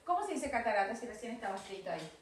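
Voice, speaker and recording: A woman's voice: medium pitch, sing-song, very fast, very echoey, far from the mic, background noise. A woman with an Argentine Spanish accent teaching an online English lesson, coaxing and prompting her student, repeating words for drills.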